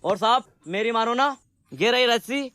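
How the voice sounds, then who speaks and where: A man's voice: very high voice, animated, bright, forceful tone, full character voice. A man playing a sly, cowardly troublemaker in a comic spoof, whiny and fawning. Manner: whiny, fawning, quick to beg. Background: music.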